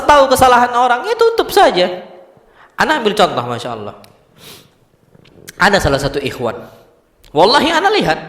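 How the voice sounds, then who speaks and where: A man with an Indonesian accent giving a casual religious lecture, telling animated stories and mixing in Arabic terms. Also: very high voice. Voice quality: animated storytelling, mixes Arabic terms, laughs often. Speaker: Islamic preacher. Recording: echoey hall.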